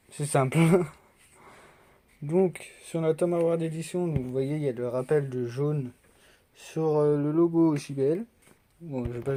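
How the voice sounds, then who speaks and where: A man's voice: mid-range voice, mellow, a little hiss or hum. A young man from France chatting casually through an unboxing vlog, rambling with many fillers and restarts. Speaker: tech unboxing vlogger.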